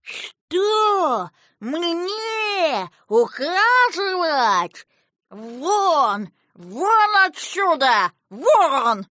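A woman voicing a quick-tempered old male river king who grumbles and shouts, as an audiobook character. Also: fairly high pitch, lively intonation, no echo, clean studio sound, pitched above the performer's own voice, heavily acted. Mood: furious. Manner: gruff, grumbling, shouting when angry.

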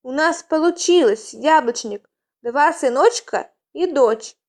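A woman voicing a tired mother cat in a storybook, speaking quietly and tenderly. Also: high-pitched, slow pace, voice pushed up.

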